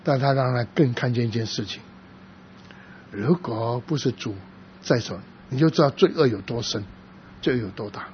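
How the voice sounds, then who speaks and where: A man preaching in a sermon, telling a story from his church work in a halting, soft-spoken way, with frequent restarts. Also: mid-range voice. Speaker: pastor. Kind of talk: sermon testimony. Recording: dull lo-fi with faint noise.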